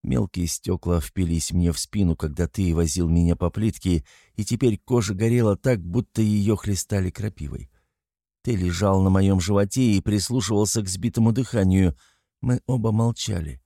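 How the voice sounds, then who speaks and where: A man narrating a dramatic story in a steady, measured way. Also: deep voice, dry recording, clean studio sound. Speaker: audiobook narrator.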